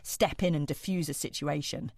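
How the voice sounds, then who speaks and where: A woman with a British accent co-hosting a podcast in casual chat, playful and expressive. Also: low voice, moderate pace, no echo, clean studio sound. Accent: British English. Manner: expressive, playful, acts out quotes. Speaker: podcast co-host.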